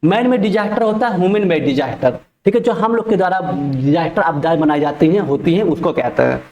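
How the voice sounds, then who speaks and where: A male teacher giving an exam-prep lecture who explains each point twice and reads English definitions slowly. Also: fairly high pitch, lively intonation, a little mellow, roomy sound.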